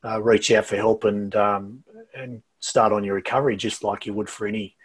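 A middle-aged Australian man answers interview questions over a low-quality video call. His voice is husky and sits fairly low. He talks in a halting, casual way, often repeating words before carrying on. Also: level tone. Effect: low-quality video call audio. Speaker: interview guest.

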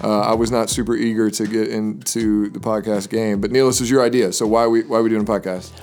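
A man who is a lead pastor, hosting a casual podcast chat in a relaxed, rambling way with frequent restarts. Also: fairly low pitch, fast talker, vocal fry. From Southern Illinois.

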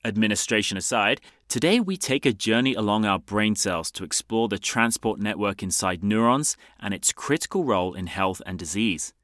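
A man's voice: on the low side, animated, moderate pace, few pauses, a bit bright, no echo, studio quality. A man hosting a science podcast, reading a polished introduction and asking questions. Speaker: podcast host. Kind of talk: scripted introduction and interview.

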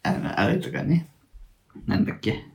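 A man co-hosting a casual podcast, chiming in with quick interjections and frequent laughter. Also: darkish tone. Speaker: podcast co-host. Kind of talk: casual chat.

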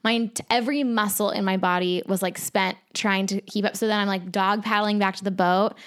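A woman co-hosting a casual podcast, telling a story in a chatty way with quick asides. Her voice sits at an ordinary pitch for a woman. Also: steady tone, a bit bright. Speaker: podcast co-host. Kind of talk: casual chat.

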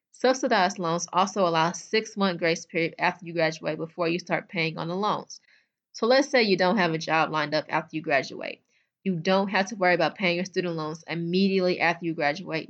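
A woman's voice: fairly low pitch, muffled recording. A young adult woman hosting a solo podcast, talking bluntly and chattily straight to her listeners. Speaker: podcast host. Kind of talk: casual solo podcast talk.

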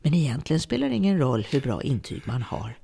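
A woman's voice: extremely low pitch, sing-song, gravelly, husky, heavily acted. An actress playing a worn-out middle-aged woman who has become a bitter, vengeful captor, speaking in a brooding, resentful monologue. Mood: grim. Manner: bitter, brooding monologue turning to hushed menace. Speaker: embittered former home care worker holding a captive. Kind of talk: radio drama acting.

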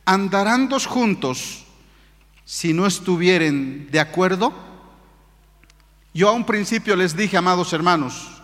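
A man's voice: high-pitched, sharp tone. A man preaching a sermon in a church, telling a personal testimony with fervent, emotional storytelling. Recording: church hall reverb.

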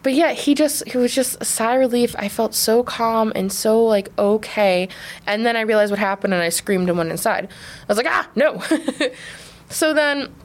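A woman in her twenties co-hosting a podcast, telling a story in a casual, animated way, full of laughs and "like". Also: a little high, moderate pace. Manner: animated, laughing, heavy use of "like". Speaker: podcast co-host.

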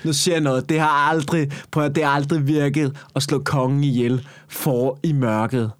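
A man's voice: fairly high pitch, fairly even intonation, smooth, dry recording, studio quality. A man in casual comedic banter, rambling and swearing a lot with many fillers.

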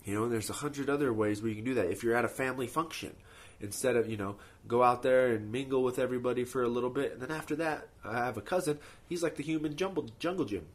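A man's voice: medium pitch, quick pace. A man hosting a podcast, talking off the cuff with practical, motivational advice and frequent rhetorical check-ins. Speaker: host of a productivity podcast. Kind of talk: casual advice monologue, speaking off the cuff.

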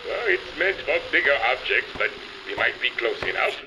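A man playing an eager, flustered inventor speaking over a noisy radio line, in halting, broken phrases. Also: mid-range voice, big pitch swings, close to an everyday voice. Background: noise.

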